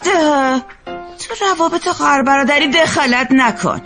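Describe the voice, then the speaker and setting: A woman's voice: high voice, fairly bright tone, soft background music. An actress dubbing a stern, opinionated older mother-in-law who speaks sharply and scolds. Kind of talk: dubbed TV drama acting.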